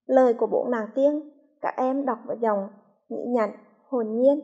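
A woman from Hue with a Vietnamese accent, a primary school teacher reading a lesson slowly and clearly to young children. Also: on the high side, dark tone, dull audio. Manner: slow, clearly articulated, patient.

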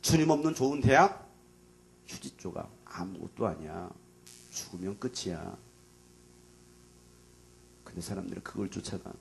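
Male pastor, youth sermon, deep voice, wide pitch swings, dramatic, casual. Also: expressive, moderate pace, vocal fry, pauses often, slight background noise. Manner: dramatic, swings from shouting to near whisper; casual, plain speech to young listeners.

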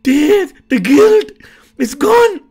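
A man streaming his reaction to an anime, excitable and slangy, often shouting. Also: very high-pitched, extremely slow, faint music behind.

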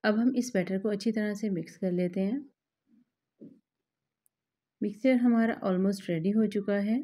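Calm woman guiding a home recipe. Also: mid-range voice, measured pace. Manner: calm, instructive, addresses viewers directly. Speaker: cooking channel host. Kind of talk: step-by-step recipe voice-over.

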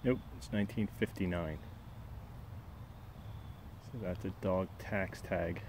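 A man's voice: deep voice, takes it slowly, a little mellow. A man casually narrating his metal detecting finds, half to himself, with understated amazement. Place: outdoors in a wooded park. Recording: clear outdoor background noise.

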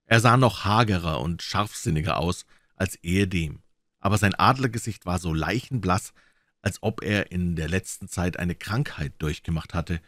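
A man's voice: sits low, normal speed, fairly bright tone, no echo, clean studio sound. A man narrating a classic detective story as an audiobook reader. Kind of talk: scripted narration.

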